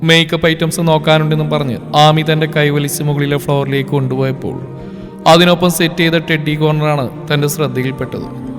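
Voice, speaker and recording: A man reading a novel aloud in a steady, emotional storytelling voice. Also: on the high side. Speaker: story narrator. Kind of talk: scripted novel narration. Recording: reverb with background music.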